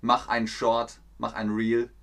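A man's voice: mid-range voice, completely flat delivery, slow pace, gravelly, a bit bright. A man hosting a live-streamed German lesson, playful and talking to chat viewers by name. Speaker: German teacher hosting a livestream.

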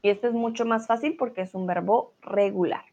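A woman's voice: mid-range voice, fairly even intonation, fairly quick, dark tone, muffled recording. A woman teaching a live online grammar lesson, patiently reading out student comments and correcting them. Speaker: Spanish teacher.

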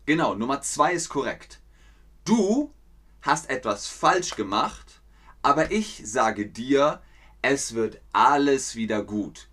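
A male teacher explains history to learners at an unhurried pace. His pitch leaps around expressively, and he acts out scenes with sound effects and repeats key phrases. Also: a bit bright. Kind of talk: slow, playful explanation for learners.

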